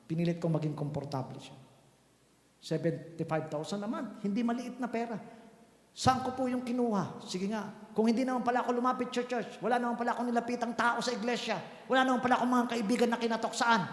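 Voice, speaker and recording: A man's voice: very high-pitched, fast talker. A man in his fifties preaching a sermon as pastor, talking conversationally and putting rhetorical questions to his congregation. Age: 50s. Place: church hall. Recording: echoey church hall.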